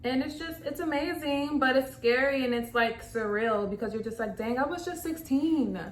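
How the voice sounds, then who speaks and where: A woman's voice: high voice, normal speed. A woman in her twenties chatting casually while doing makeup, filling her talk with "like" and restarts. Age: 20s. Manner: chatty, lots of "like" fillers. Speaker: makeup vlogger. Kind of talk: casual chat. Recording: echoey room with faint noise.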